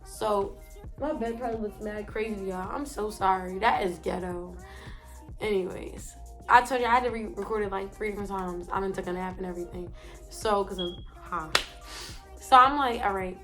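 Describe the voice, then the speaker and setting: This is a young woman spinning a casual storytime from her bed at home, quick to slip into slangy, animated retellings of her own lines. Her pitch sits in an ordinary middle range. Soft music plays faintly behind her. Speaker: vlogger.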